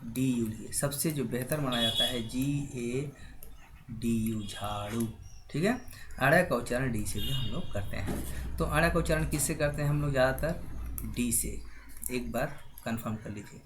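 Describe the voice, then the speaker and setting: A man's voice: medium pitch, moderate pace, noisy background. A man giving a spoken lesson to students, spelling words out letter by letter and often checking in with a rising "right?". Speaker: teacher.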